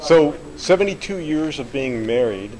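A man's voice: on the high side, expressive, normal speed, over a noisy crowd, rough recording. A man interviewing an elderly couple, cutting in with short, stammered prompting questions. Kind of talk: casual interview.

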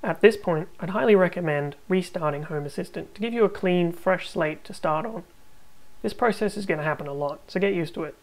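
A woman hosting a tech tutorial, narrating a screen recording with calm, step-by-step instructions. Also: lowish voice, a little fast, rough recording.

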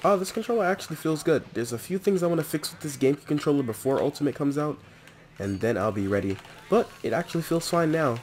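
A young man giving chatty, excitable gameplay commentary and talking to the characters on screen. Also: on the high side, fast, faint music behind. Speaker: let's play host.

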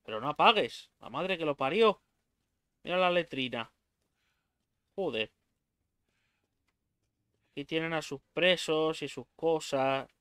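A man's voice: on the high side, lively intonation, slow pace, pauses often, fairly bright tone, clear, resonant tone, no room sound, clean studio sound. A young man with a Spain Spanish accent doing let's play commentary on a horror game, swearing freely and yelping in fright. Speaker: gaming YouTuber.

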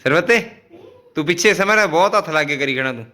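Bright-voiced man calling a game. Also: a little high, expressive, fast. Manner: calls out items, repeats phrases, coaxing. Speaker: vlogger running a family game. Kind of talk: casual family vlog.

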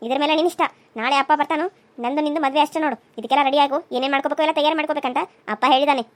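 A scheming young woman in a cartoon serial, voiced by a woman demands and accuses. Her voice is very high and she talks fast. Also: steady tone, natural voice. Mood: insistent. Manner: accusing, insistent. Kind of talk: cartoon voice acting.

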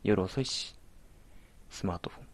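A man commentating a horror game as he plays, jumpy, alternately exclaiming and muttering to himself. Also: normal speed. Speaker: let's play commentator.

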